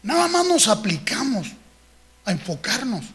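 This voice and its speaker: A man's voice: high voice, wildly swooping pitch, unhurried, fairly bright tone. A man, a pastor preaching a sermon in a conversational, storytelling way with frequent tag questions. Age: 60s.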